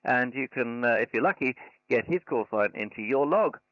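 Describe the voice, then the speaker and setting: A man's voice: mid-range voice, lively intonation, moderate pace, dry recording. A man working as an amateur radio operator, with polite procedural patter of call signs and signal reports, slightly muffled. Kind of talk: live ham radio contacts. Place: convention special event station. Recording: slightly muffled, dull sound.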